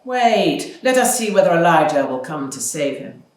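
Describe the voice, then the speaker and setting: A woman with an English accent voicing scornful mockers in a scripture story, loud, taunting and declamatory. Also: on the low side, big pitch swings, normal speed. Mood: jeering. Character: jeering crowd of mockers and priests, scornful. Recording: roomy, echoing home recording.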